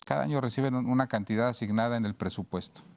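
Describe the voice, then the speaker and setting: A man's voice: medium pitch, racing, gravelly. A man with a Mexican accent hosting a radio talk show, explaining things at length with homely examples and lots of fillers and restarts. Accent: Mexican Spanish.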